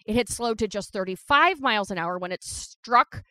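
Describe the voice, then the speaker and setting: A woman co-hosting a podcast, recounting a history story in casual chat as a lively storyteller who holds her ground against interruptions. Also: medium pitch, normal speed, no echo. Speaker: podcast co-host.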